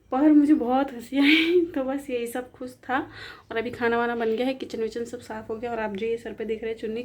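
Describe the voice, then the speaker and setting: A young woman vlogger talks in a casual, chatty way and repeats her phrases. Her voice sits a little high but stays flat and even in pitch. The tone is soft and mellow, not bright. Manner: chatty, repeats herself, light laughter. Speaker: family vlogger. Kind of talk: casual vlog narration.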